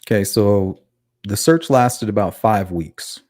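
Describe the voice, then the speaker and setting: A man's voice: fairly low pitch, takes it slowly, darkish tone, no echo, clean studio sound. A man with a lisp hosting a casual livestream commentary, talking conversationally and putting questions to his audience. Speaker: livestream host. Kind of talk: casual true-crime livestream commentary, reading chat aloud.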